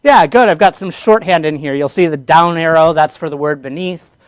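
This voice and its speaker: A man's voice: a little high, moderate pace, smooth, no echo. A man teaching a public speaking class, energetically lecturing and asking his students questions.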